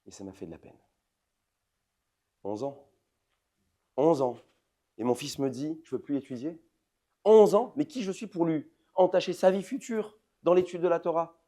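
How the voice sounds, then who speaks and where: A man in his forties, a rabbi, giving a lively lecture to an audience, swinging between loud emphatic outbursts and soft intimate asides, often asking the listeners questions. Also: fairly high pitch, a little fast. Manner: addresses the audience directly with questions.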